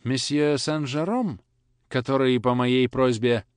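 A man's voice: mid-range voice, takes it slowly, clear, resonant tone, dry recording, close to an everyday voice. A man voicing a stern, imperious elderly countess grandmother who drawls her words. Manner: drawling, commanding.

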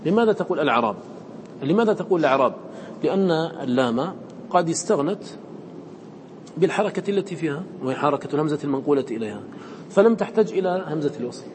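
A man teaches a class on Quran recitation in a fairly high voice. He keeps asking his students questions and then answers them himself, now and then chanting verses in a melodic style. A faint hiss of noise sits behind the recording. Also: expressive, fast, darkish tone. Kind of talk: classroom lesson explaining a poem on recitation.

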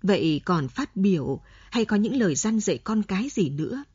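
Husky-voiced woman narrating a novel. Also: mid-range voice, big pitch swings, normal speed, a little mellow, no echo, muffled recording. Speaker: audiobook narrator.

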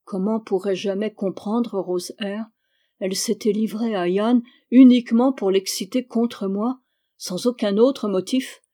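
A woman narrates a literary novel in a measured, unhurried reading, dwelling on the images. Her voice sits at a middle pitch with a mellow, darkish tone. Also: steady tone. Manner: measured, descriptive. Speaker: audiobook reader.

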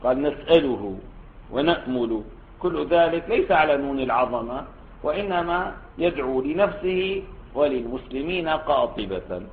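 Speaking at a normal speed with a fairly high, animated voice, a male Islamic scholar walks students through a classical text and asks them questions throughout. The lecture recording is tinny and phone-like, with a little hiss or hum.

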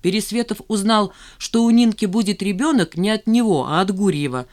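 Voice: mid-range voice, brisk, pitched above the performer's own voice, natural voice. A reader doing a nosy gossiping male friend. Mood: gossipy. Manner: gossipy, animated. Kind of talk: audiobook character voice.

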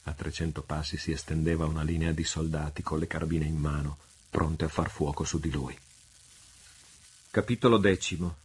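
A man reading an adventure novel aloud in a measured, dramatic way. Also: very deep voice, fairly even intonation, slightly rough. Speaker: audiobook reader. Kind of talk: literary reading.

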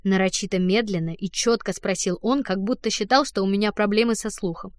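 A woman's voice: medium pitch, fairly quick, no echo, clean studio sound. A woman narrating an audiobook in the first person, reading expressively.

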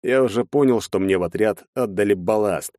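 A man's voice: on the low side, a little fast, dark tone, dry recording, clean studio sound. A man narrating a first-person audiobook in a weary, sardonic tone.

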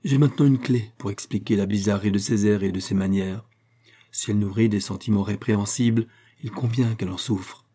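A man's voice: fairly low pitch, mellow, lightly acted. A man voicing a clever young woman who speaks in a confiding, lightly mocking murmur. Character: clever, teasing young woman, sharp observer.

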